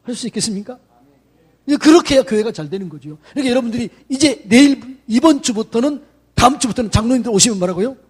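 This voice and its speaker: A middle-aged man, a senior pastor, gives a chatty, lively sermon to church staff and acts out greetings in quoted voices. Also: extremely high pitch, slightly rough. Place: church sanctuary.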